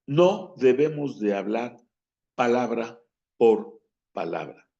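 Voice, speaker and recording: A man's voice: mid-range voice, expressive, slow, gravelly, warm tone. A man teaching a lesson on breathing and diction, stressing words and acting out phrasing as examples. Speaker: speaking coach. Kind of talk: instructional talk on voice and diction. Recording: dull lo-fi recording.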